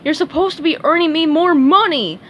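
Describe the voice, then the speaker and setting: A woman's voice: high-pitched, brisk, dull audio, slight background noise, voice pushed up, close to an everyday voice. A woman doing a bellowing greedy crab boss. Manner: bellowing, pompous. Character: greedy loud adult male crab boss. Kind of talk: storybook read-aloud.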